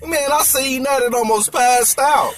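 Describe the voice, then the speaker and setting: A man's voice: very high voice, a little slow, fairly bright tone, soft background music. A young man chatting casually beside his partner, laid-back and slangy.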